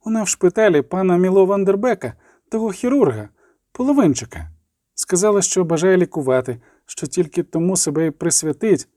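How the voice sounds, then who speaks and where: A quiet young temple adept speaks softly and earnestly in a lifted, warm voice, as a male reader puts her on. She keeps her voice low and steady. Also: brisk, no room sound, studio quality. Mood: pleading. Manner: soft, earnest.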